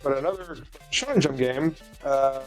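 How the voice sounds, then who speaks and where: A man's voice: medium pitch, normal speed, faint music behind, low-quality recording. Man whose voice cuts in and out. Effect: voice cutting in and out over a bad connection. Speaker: podcast co-host. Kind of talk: casual online chat. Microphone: remote call.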